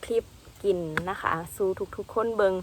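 A woman's voice: moderate pace, noisy background. A young woman with an Isan Thai accent, chatting casually while she eats outdoors in the afternoon, mixing Central Thai with Isan words. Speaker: food vlogger. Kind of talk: casual eating vlog chat.

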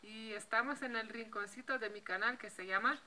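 On an outdoor patio next to a block wall, a woman in her thirties vlogs casually to camera with a handheld mic, her Slovenian accent marking her as a native Slovene speaker. Her fairly high voice is pushed and bright at a moderate pace, with light laughter and restarted words. A little hiss or hum sits under the audio.

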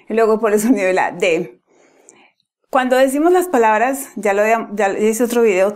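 A young woman giving a casual pronunciation lesson, explaining patiently step by step with frequent restarts. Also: mid-range voice. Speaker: pronunciation teacher.

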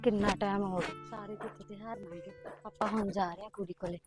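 An actress playing a sister-in-law who comforts and gently teases a crying young woman. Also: mid-range voice, steady tone, fast talker, over loud music, lightly acted. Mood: chatting. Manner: fond teasing comfort. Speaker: sister-in-law visiting the family. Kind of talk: village drama acting.

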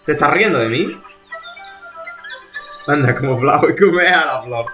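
Male streamer, bright animated voice, swearing and muttering to himself, music underneath. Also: fairly high pitch, a little slow. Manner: exasperated, swearing, talking to himself. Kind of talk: live gameplay commentary.

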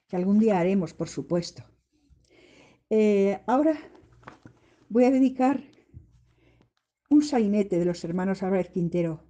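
Slow, mellow-voiced woman teaching drama. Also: mid-range voice. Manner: slow, deliberate guiding of students through an acted scene. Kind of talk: online body-expression class.

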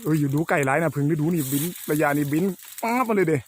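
A man hosting a casual countryside vlog, talking excitedly to his viewers while hunting bees outdoors. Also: on the high side, very fast. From Thailand. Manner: excited, laughing, addresses viewers as brothers and sisters. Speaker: channel host, bee hunter. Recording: faint background noise outdoors.

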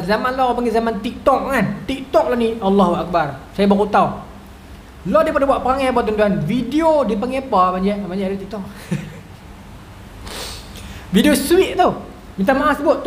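A man in his thirties with a northern Malaysian Malay accent, giving a humorous religious lecture full of stories and asides to the audience. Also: very high voice. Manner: chatty, storytelling, keeps asking the audience "right?". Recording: echoey hall with faint noise.

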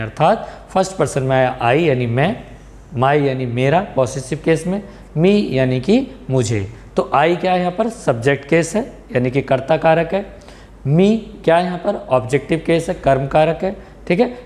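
A man teaching English grammar, mixing English terms into Hindi, asking questions and answering them himself, often checking whether students are clear. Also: fairly high pitch, a little mellow. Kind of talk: classroom lesson.

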